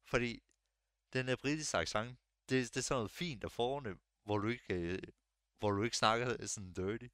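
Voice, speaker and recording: A young man chatting casually on a podcast, relaxed and hesitant, with lots of fillers and restarts. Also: medium pitch, clear, resonant tone, no echo, clean studio sound. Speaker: podcast co-host. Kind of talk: casual chat.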